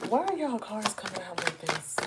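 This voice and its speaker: A woman's voice: mid-range voice, big pitch swings, normal speed, heavy background noise. A woman giving a live tarot reading, chatting with viewers and calling them y'all and baby. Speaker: tarot reader.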